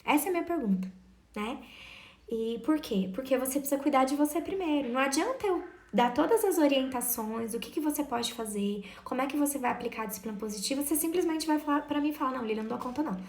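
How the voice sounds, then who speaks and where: A woman's voice: sits high, expressive, fast talker. Earnest woman, echoey room. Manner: warm, earnest, addresses listeners directly. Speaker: parenting educator. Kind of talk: casual advice talk to parents.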